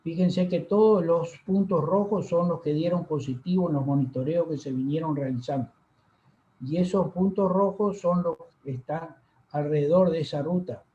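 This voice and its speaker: A man giving a university lecture over slides, unhurried and full of fillers and pauses. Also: fairly high pitch, dark tone. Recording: echoey room, dull lo-fi sound.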